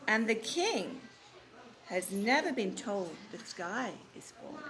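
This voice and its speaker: Amid crowd noise in a classroom, a woman with a mid-range, sing-song voice reads a storybook slowly to young children. She asks them questions like a teacher and repeats their replies, in a noisy live room with background noise.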